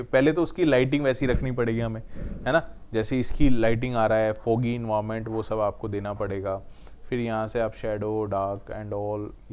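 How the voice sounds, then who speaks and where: A man's voice: medium pitch, darkish tone, slight background noise. A man teaching video editing in a screen-recorded tutorial, explaining step by step, mixing in English technical terms and often checking in with "right?". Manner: explains step by step, often adds the tag question "है ना".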